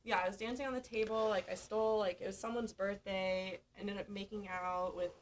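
A woman's voice: medium pitch, steady tone, a little fast, noisy background. A young woman in casual chat, giggly and rambling through night-out stories with plenty of filler words. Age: young adult.

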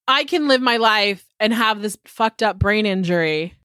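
A woman's voice: medium pitch, normal speed, clear, resonant tone, dry recording. A woman podcast co-host with a nasal voice, stuffed up from a cold, chatting casually and telling stories with plenty of swearing. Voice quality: nasal, congested. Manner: sweary, animated storytelling with frequent chuckles. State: getting over a cold. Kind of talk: casual chat.

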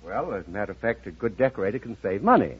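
An interior decorator competing on a quiz show races through his answers in a fairly low, sing-song voice. He sounds earnest and slightly unsure, captured on a faint, noisy old radio recording.

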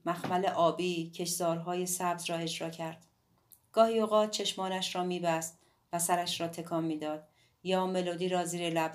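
A woman reads a novel aloud as an audiobook narrator. Her delivery is calm and measured, and her voice sits a little low. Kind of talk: scripted narration.

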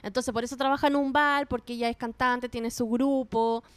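A young woman with a Chilean accent reviews movies in a relaxed, chatty way, full of slang and quick asides. Her voice sits a little high. The sound is dry and close, with no room around it. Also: smooth, no room sound. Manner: chatty, lively, slangy, laughs often. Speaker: podcast co-host. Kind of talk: casual film review chat.

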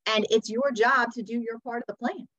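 A woman's voice: a little high, steady tone, normal speed, bright, forceful tone. American woman guest, slightly muffled audio. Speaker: podcast guest, teacher and author. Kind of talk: conversational personal storytelling.

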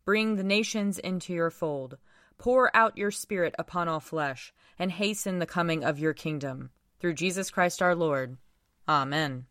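A woman worship leader reading scripture and prayers aloud in a solemn, measured, formal way. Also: lowish voice, fairly bright tone, no echo, clean studio sound. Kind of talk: liturgical reading and recited prayer.

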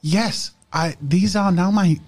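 A man's voice: high voice, slow pace, voice pushed up. A man putting on a polite young noblewoman. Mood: earnest, grateful. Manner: formal, earnest and soft-spoken. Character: gentle, polite young noblewoman far from home.

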